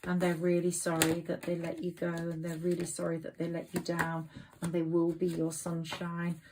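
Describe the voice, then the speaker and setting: A woman's voice: lowish voice, completely flat delivery, normal speed, background noise. A woman reading tarot cards to her viewers in an effusive, rambling, sentimental way. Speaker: tarot reader. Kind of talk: tarot card reading to camera.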